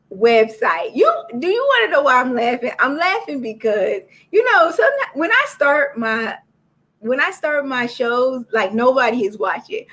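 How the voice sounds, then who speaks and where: A woman's voice: high voice, fairly bright tone. A woman hosting a live-streamed book club, talking straight to her viewers in a chatty way. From Florida. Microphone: laptop or phone for a live stream.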